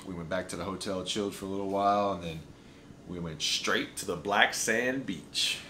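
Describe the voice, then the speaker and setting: A young man chatting casually in a travel vlog, describing food and his day in a relaxed, enthusiastic way. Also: low voice, moderate pace, slight background noise. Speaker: vlogger. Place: hotel room and small restaurant.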